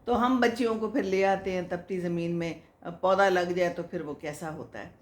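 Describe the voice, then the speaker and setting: Chatty older woman in an echoey room. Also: lowish voice. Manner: chatty, motherly, moralizing, laughs often. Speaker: host answering viewer comments. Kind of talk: casual advice talk.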